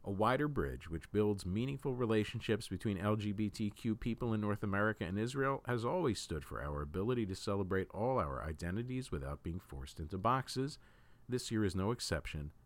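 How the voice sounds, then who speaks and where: A news host reads written opinion pieces aloud, measured and deliberate, with emphatic phrasing. His voice is fairly low-pitched and animated.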